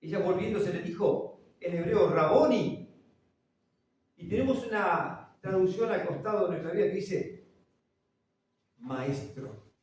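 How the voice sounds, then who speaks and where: A man preaching a sermon, swinging between loud, urgent lines and hushed ones and putting questions to the congregation. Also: high-pitched, moderate pace. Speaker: pastor. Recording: very echoey church, from far off.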